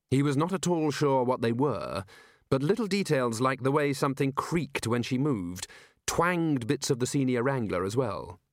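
Measured male audiobook narrator. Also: medium pitch, no room sound, clean studio sound. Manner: measured, storytelling. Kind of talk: scripted narration.

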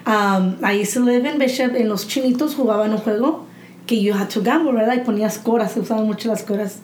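A woman with a somewhat high voice tells frank, animated stories with plenty of swearing, in casual podcast talk. The recording is roomy and echoey, with faint noise beneath. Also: fast talker. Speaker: podcast participant. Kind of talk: casual chat.

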